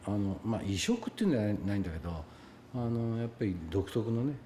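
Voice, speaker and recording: A man's voice: fairly low pitch, lively intonation, fast talker, warm tone, slight background noise. A male actor giving reflective, hesitant interview answers with many fillers. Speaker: actor interviewed about his film.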